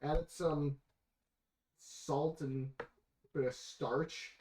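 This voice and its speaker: A man narrating as game master of a tabletop game in a relaxed, joking way. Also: on the high side, extremely slow. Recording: echoey room, faint noise.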